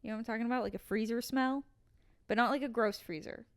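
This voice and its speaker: A young woman co-hosting a casual podcast, playful and teasing. She speaks emphatically. Her voice is smooth and clear, recorded dry and close. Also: a little high, fairly even intonation, fast talker, no echo. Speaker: podcast co-host. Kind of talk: casual chat.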